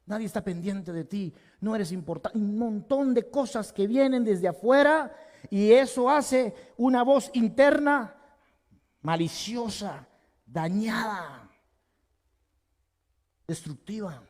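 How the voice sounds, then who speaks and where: A male pastor preaching a sermon with passion, swinging from loud emphasis to hushed tones. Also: very high voice, measured pace. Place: church sanctuary. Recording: long hall reverb.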